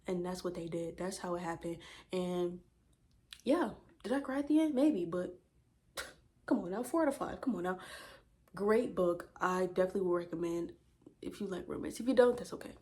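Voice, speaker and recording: A woman of twenty chatting to viewers about the books she read while doing her makeup, retelling plots with lively asides and rhetorical questions. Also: on the low side, normal speed, pauses often. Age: 20s. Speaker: book vlogger.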